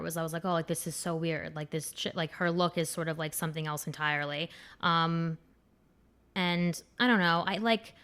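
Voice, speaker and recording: A woman's voice: on the low side, a bit bright, smooth. Candid, foul-mouthed young woman podcast host. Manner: candid, crude and rambling, with many fillers. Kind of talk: casual chat.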